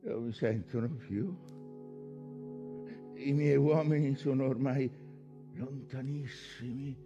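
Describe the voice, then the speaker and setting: An actor playing a vengeful, obsessed old whaling captain in a declamatory theatrical stage monologue, moving between hushed brooding and bellowed commands. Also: male voice, medium pitch, fairly even intonation, slow, dull audio, music in the background. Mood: exhausted, despairing.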